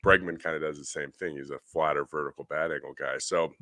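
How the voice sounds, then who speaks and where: Middle-aged guy, low voice but bright and punchy, dry close mic, rambling podcast baseball talk. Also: fast, no echo. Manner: animated, rambling baseball breakdown. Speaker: podcast co-host, hitting coach. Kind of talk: casual podcast chat.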